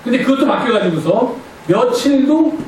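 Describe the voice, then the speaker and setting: A man's voice: extremely high pitch, animated, normal speed, a little mellow, distant mic, slight background noise. A male pastor giving a conversational sermon, playfully quizzing his congregation. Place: church sanctuary. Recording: echoey church hall from afar.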